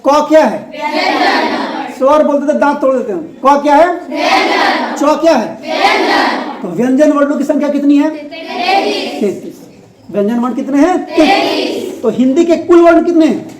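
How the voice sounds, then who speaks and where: A woman's voice: high-pitched, expressive, fast talker, a loud crowd, very noisy. A woman teacher giving a grammar lesson in a classroom, asking questions, repeating the answers and laughing often. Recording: echoey classroom.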